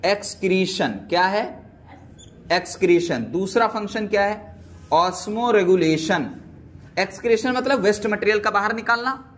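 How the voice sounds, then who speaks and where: Over slight background noise, a man with a high, fairly bright voice teaches biology in a classroom. He repeatedly quizzes his students and lovingly calls them "beta."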